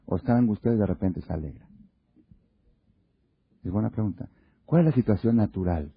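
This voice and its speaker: Husky-voiced man giving a religious lecture. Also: mid-range voice. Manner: asks many rhetorical questions; acts out little dialogues. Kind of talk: Torah lecture to an audience. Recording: dull lo-fi recording.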